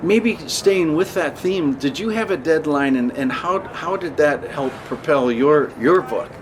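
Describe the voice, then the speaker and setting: A male podcast host leads a relaxed conversation from a sauna bench. He circles around his questions with plenty of ums and restarts. Faint background noise sits under the voice. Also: a little high, measured pace. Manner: rambling, warm questions with fillers. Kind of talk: casual interview chat. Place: inside a sauna at an outdoor festival.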